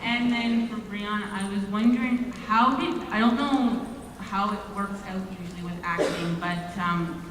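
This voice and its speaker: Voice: mid-range voice, moderate pace. A fan at a convention Q&A asking a hesitant, rambling question. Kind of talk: audience question at a Q&A. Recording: echoey hall from far off, faint noise.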